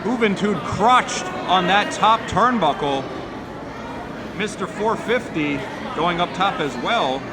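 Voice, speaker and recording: A man's voice: high voice, expressive, slow pace, very noisy. A man calling a lucha libre match as play-by-play announcer, in live sports commentary. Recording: loud crowd and music behind.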